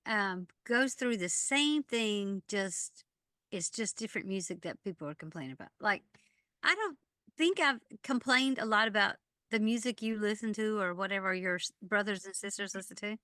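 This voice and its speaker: A woman in her fifties co-hosts a relaxed podcast chat. Her voice is bright and forceful, and the close mic picks it up dry. She talks in a good-humored, rambling way. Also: mid-range voice, no echo. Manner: chatty and good-humored, rambles between thoughts. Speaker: podcast co-host. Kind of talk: casual chat over wine.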